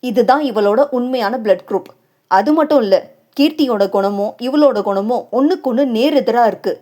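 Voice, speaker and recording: A woman voicing an earnest young man who protects and gently consoles his sister-in-law. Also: on the high side, normal speed, close to an everyday voice.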